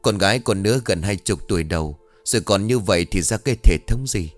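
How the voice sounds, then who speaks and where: A man's voice: on the low side, animated, a little fast, faint music behind, lightly acted. A man voicing a stern, frustrated middle-aged father who scolds and protests indignantly. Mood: scolding.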